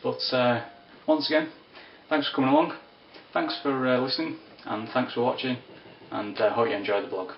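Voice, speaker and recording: A man giving a casual spoken whisky review, unhurried and descriptive with wry asides. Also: mid-range voice, a little hiss or hum. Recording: roomy, distant, dull lo-fi sound.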